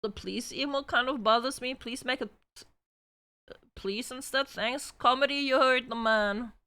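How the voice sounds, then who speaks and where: Bright high-voiced woman streamer. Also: a little slow, clear, resonant tone. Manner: bubbly, chatty with viewers, bursts of shouting and laughing. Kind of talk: casual live-stream chat.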